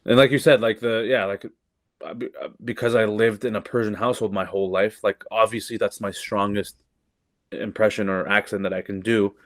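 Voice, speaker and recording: A man's voice: fairly low pitch, steady tone, fairly quick, no echo, clean studio sound. A young man, a comedian from Canada, chatting casually on a podcast, swearing freely and restarting his sentences often. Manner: loose, profane, lots of fillers and restarts. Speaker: comedian guest.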